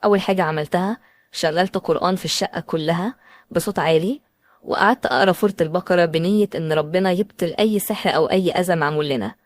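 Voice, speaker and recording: A woman with an Egyptian accent, telling a dramatic first-person story in an emotional, anxious way. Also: on the low side. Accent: Egyptian Arabic.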